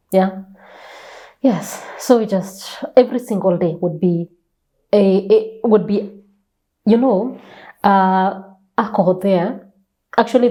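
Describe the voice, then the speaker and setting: Appearing as a guest author in a conversational interview, a Kenyan woman with a mellow, medium-pitched voice tells stories emphatically. She repeats phrases and poses rhetorical questions in an animated, conversational style.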